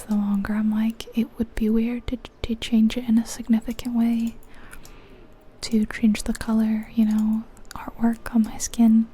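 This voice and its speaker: This woman runs an ASMR channel and murmurs breathy, casual remarks about a game, soft and reflective. Her whisper is a little high, with a slight hiss or hum in the background.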